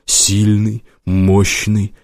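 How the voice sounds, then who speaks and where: A male audiobook narrator reading in a measured, even storytelling manner. His voice sits on the low side and is recorded close on a studio mic, with a dry sound and no room echo.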